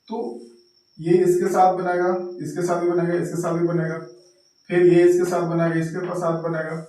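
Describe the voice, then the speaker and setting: A man's voice: fairly high pitch, darkish tone. A man teaching chemistry at a blackboard, explaining step by step and repeating filler phrases as he draws. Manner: repetitive, fills pauses with "ठीक है" and "जो है"; explains step by step while drawing on the board. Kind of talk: blackboard lecture. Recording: very echoey classroom, voice from far off.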